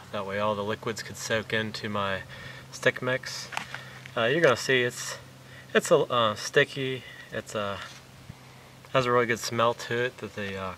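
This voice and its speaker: This fishing vlogger's voice sits on the low side, with a pushed, bright quality. He's a man in his thirties showing how to make fishing bait step by step outside by a lake, chatting plainly and using fillers. It's captured on a camera mic a few meters off, giving distant outdoor audio with wind noise.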